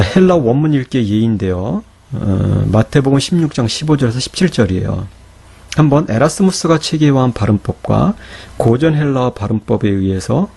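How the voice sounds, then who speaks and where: A middle-aged man giving a patient Greek grammar lecture, asking rhetorical questions and slowing down to sound out syllables. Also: medium pitch, creaky, darkish tone, slightly rough. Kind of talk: explanatory lecture.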